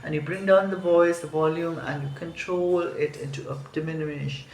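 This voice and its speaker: A man's voice: a little high, steady tone, moderate pace. A man teaching a song, explaining each phrase, thinking aloud and correcting himself. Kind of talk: music lesson walkthrough. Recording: roomy echo.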